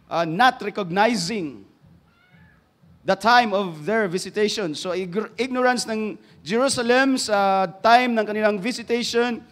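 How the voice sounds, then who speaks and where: High-voiced Filipino preacher. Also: male voice. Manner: mixes English into Filipino, rising to loud emphasis then dropping to hushed tones. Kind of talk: sermon.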